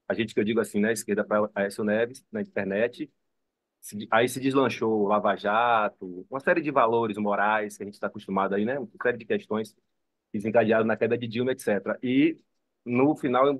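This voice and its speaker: A man with a Bahian accent speaks in a fairly low voice, close and dry. He talks informally as a seminar participant, circling back and rambling as he builds his point. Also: no room sound. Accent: Bahian Brazilian Portuguese. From Salvador, Bahia, Brazil. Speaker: seminar participant, psychoanalysis student. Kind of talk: informal spoken comment at an online seminar.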